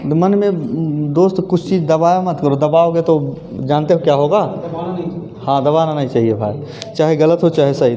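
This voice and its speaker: A man's voice: on the high side, dark tone, lo-fi sound. A male teacher, leading a classroom grammar lesson, asking questions, then repeating the answers aloud. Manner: calls students friends and sister, asks and repeats answers.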